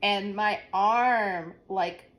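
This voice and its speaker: A woman's voice: medium pitch, extremely slow, a bit bright. A young woman co-hosting a podcast, telling stories in a rambling casual chat full of fillers. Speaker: podcast co-host.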